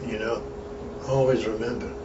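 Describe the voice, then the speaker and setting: This is casual reminiscing from a retired wrestler, an older Flemish-speaking man from Antwerp, Belgium. His lowish voice barely shifts in pitch and moves at normal speed as he rambles bluntly with plenty of swearing, all heard through dull, distant, roomy lo-fi audio with background hiss.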